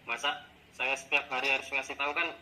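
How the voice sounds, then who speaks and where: A man with a sharp, bright voice takes the part of a teacher in a coaching role-play. He complains in an animated, exasperated way about his pupils. The recording carries a faint background hiss. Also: mid-range voice, fast, poor audio. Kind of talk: role-played coaching session.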